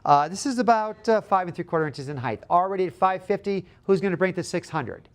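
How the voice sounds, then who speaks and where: Male auctioneer, high voice, steady bid-calling patter with repeated figures and calls for the next bid. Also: fast.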